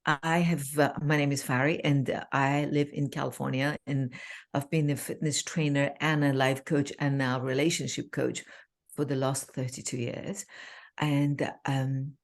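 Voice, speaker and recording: Very low, gravelly woman from Iran. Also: level tone. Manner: halting, many fillers, laughs easily. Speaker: guest relationship coach. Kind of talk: casual interview chat. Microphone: video call.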